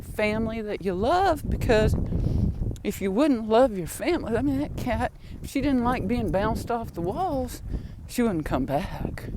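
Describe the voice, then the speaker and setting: Lively intonation marks this older woman's voice, which is on the high side and a little slow. She's a vlogger telling rambling, chatty stories about family and pets, with laughs and sighs, walking home with groceries outside in the wind.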